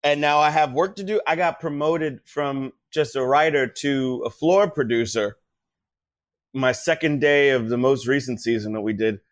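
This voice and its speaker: A man telling animated stories in casual podcast chat, often putting on voices for the people he quotes. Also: mid-range voice, normal speed, dry recording. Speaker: podcast guest, comedian.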